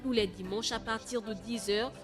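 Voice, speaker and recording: This woman reads a radio programme promotion from a script at a normal pace, her fairly high voice keeping a steady tone. Loud music plays beneath her.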